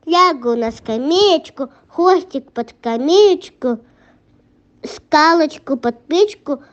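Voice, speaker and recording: A woman's voice: high-pitched, animated, slow. A young female reader voicing a sly, pushy little female fox in a children's folk tale, wheedling and demanding. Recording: muffled lo-fi recording.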